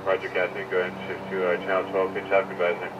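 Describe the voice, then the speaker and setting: A man's voice: low voice, monotone, rapid-fire. A man working as a vessel traffic controller, heard over a two-way marine radio and using clipped radio procedure talk. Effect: two-way marine radio transmission. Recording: distant muffled radio with noise.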